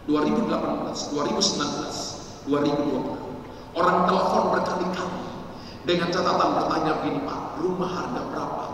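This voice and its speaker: A middle-aged Indonesian pastor preaching a testimony sermon, swinging from loud, emphatic lines to hushed ones. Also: male voice, on the high side, fairly even intonation, quick pace, a little hiss or hum. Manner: storytelling preacher, acts out quoted voices, swings from loud to hushed. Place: large church hall. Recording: echoey hall, mic from far off.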